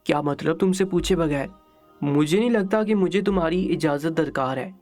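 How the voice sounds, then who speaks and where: A man's voice: a little high, a little mellow, lightly acted. Man doing a cold bossy father from a story, curt and stern, faint music behind. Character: stern wealthy father, harsh and dismissive.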